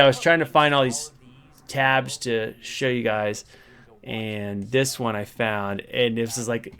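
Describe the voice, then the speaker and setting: A man's voice: mid-range voice, vocal fry, fairly bright tone. A middle-aged man telling a behind-the-scenes story to camera in a casual, enthusiastic, rambling way.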